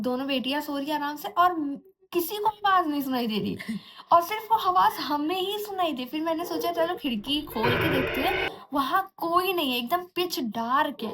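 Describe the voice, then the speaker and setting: High-voiced young woman telling a spooky tale. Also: a little hiss or hum. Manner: animated, mimics eerie sounds like anklet jingles and giggles; chatty, restarts often, mixes in English words. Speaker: vlogger. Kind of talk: casual horror storytelling.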